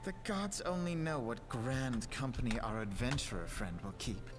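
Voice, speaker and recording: A man playing a smug, scheming young aristocrat in a video game, delivering measured, pompous monologues that sound villainous. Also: mid-range voice, lively intonation, lightly acted. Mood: smug, ominous. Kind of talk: video game cutscene dialogue. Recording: game audio under loud music.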